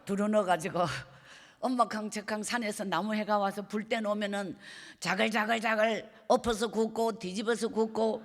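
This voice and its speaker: A middle-aged woman evangelist with a Gyeongsang accent, giving an emotional sermon testimony and often dropping to a soft hush. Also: mid-range voice, steady tone, normal speed. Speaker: evangelist preacher. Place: church sanctuary. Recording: long reverb of a church hall.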